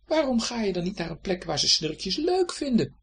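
The narrator voicing a tiny, cheerful flea in a children's storybook, in a squeaky, chirpy, teasing voice. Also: sing-song, normal speed, vocal fry, breathy edge, heavily acted.

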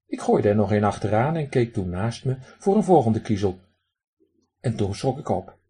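Husky, lively male storyteller. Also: on the low side, normal speed. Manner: lively, addresses the listener directly. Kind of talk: storytelling narration.

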